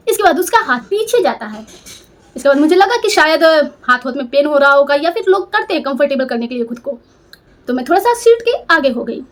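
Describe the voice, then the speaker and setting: Young woman, high voice, personal storytelling, emotional and confessional. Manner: emotional, confessional, self-reproaching. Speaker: storyteller vlogger.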